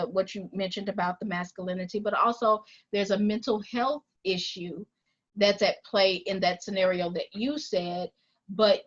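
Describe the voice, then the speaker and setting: A woman on a podcast argues her point in a deliberate way and keeps returning to "this is the thing." Her voice sits at a middle pitch, and the recording sounds a little dull and lo-fi. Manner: deliberate, argumentative, repeats phrases to hold the floor. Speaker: podcast co-host. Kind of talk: casual chat.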